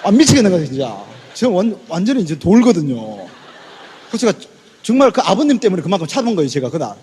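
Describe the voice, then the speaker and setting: A man telling a motivational story to an audience, acting out the dialogue and breaking into shouts. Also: high voice, quick pace, long reverb tail, a little hiss or hum. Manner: animated, acts out quoted dialogue, bursts into shouts; hot-tempered. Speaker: sales business presenter.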